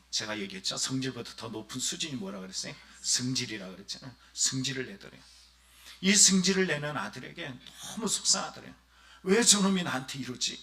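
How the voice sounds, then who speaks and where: Male pastor, sermon, animated and bright, talks straight to the pews. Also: mid-range voice, gravelly. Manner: animated preaching, often addressing the congregation directly; acts out quoted voices of villagers and the son. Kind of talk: Sunday sermon.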